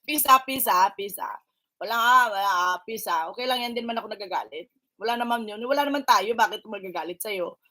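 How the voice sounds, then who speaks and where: Greeting her livestream viewers, the same vlogger chats casually, teasing them and mixing in English phrases. This time her voice is fairly high, bright and forceful, and a little fast.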